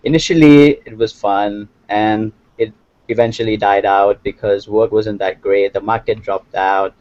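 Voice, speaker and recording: Brief: young man from Thailand, lowish voice, hesitant and soft-spoken, dry and slightly dull recording. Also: fairly even intonation, measured pace, no echo. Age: young adult. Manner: hesitant, many fillers and restarts, soft-spoken. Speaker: interview guest, hotel owner. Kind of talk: casual interview answers.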